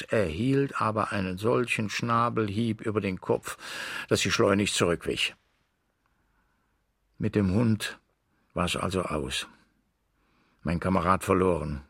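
A man reading a literary story aloud, with an expressive, dramatic delivery that shifts in intensity. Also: low-pitched, creaky, husky, no echo, clean studio sound. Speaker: audiobook reader.

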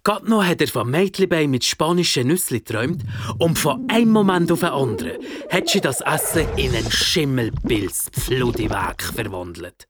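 A woman with a Swiss German accent reading a children's story in a playful, expressive way. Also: extremely low pitch, normal speed, breathy edge.

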